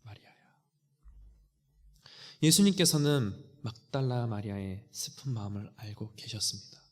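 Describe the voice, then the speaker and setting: A man's voice: mid-range voice, moderate pace. Earnest male preacher in a reverberant church. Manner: earnest, softens to near-whisper when quoting. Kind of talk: sermon. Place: church sanctuary.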